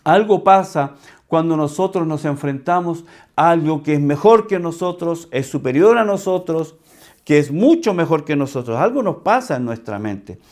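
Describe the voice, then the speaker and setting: A man from Chile, a pastor, preaching a sermon with slow, emphatic teaching that repeats key words. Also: a little high, lively intonation, darkish tone.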